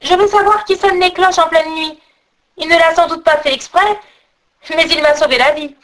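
A young peasant lad from a storybook, impulsive and earnest, his lines quick and raised, as a woman reading the tale voices him. He sounds close to her own reading voice. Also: fairly high pitch, lively intonation, sharp tone. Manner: panicked pleading, then earnest.

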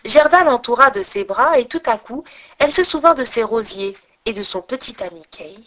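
A woman reading a fairy tale aloud as storyteller, expressive and lilting. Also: a little high, moderate pace, poor audio.

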